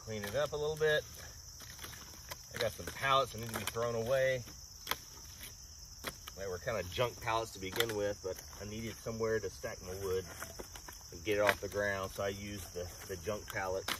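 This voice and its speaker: Low-voiced man talking side-of-mouth, outdoors. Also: steady tone, moderate pace, long pauses. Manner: talks out of the side of his mouth. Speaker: vlogger. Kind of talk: casual rambling outdoor work narration. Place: outdoor woodyard under pines. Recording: distant mic, noisy outdoor ambience.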